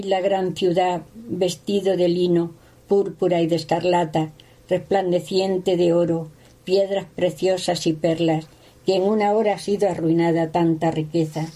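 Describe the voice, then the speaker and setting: A woman reading a Bible passage aloud at a steady pace, sometimes stumbling on a word. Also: lowish voice, poor audio. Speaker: scripture reader.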